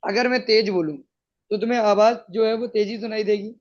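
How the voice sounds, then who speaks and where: A man's voice: sits high, steady tone, a little fast. A male teacher explaining a science lesson to students, patiently checking that they follow. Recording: dull lo-fi sound.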